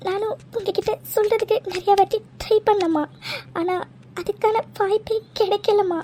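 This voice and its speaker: A woman's voice: very high-pitched, steady tone, moderate pace, warm tone. A woman voicing a young daughter who is a bride, talking through tears and stammering in a cartoon drama. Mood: tearful. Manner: crying, pleading, stammering. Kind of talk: cartoon voice acting.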